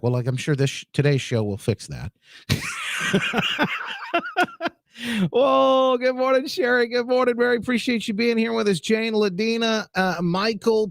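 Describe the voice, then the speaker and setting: Brief: male talk radio host, animated swings in pitch, dry close studio sound, chatty. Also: creaky, no echo. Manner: chatty, greets listeners by name. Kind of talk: casual talk radio chat. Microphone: studio microphone.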